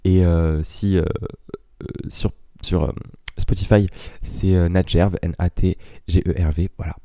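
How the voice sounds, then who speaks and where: In a deep, warm voice and steady tone, a young adult man talks unhurriedly on his solo podcast, drifting casually from topic to topic and teasing himself. His microphone is ten years old, and the dry recording still sounds clean, like a studio.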